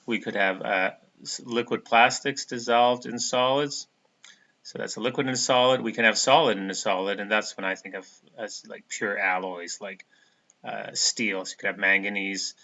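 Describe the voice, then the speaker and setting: Male lecturer, low and bright-toned, casual halting delivery; dull lo-fi recording. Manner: casual, halting, many fillers. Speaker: chemistry lecturer.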